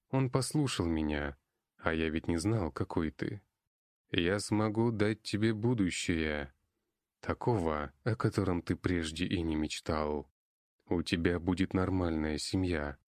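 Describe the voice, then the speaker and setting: A man voicing a cold, scheming noble elf lord who speaks slowly and calmly to persuade. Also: low voice, no room sound, clean studio sound. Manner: slow, calm, persuasive.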